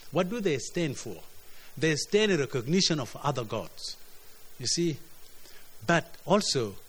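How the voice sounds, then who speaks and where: A man from preaching a sermon, earnest, often repeating words as his voice swings between emphatic highs and quiet lows. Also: big pitch swings, unhurried, breathy edge. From South Sudan. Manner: earnest, repeats words, rises and drops in pitch and loudness.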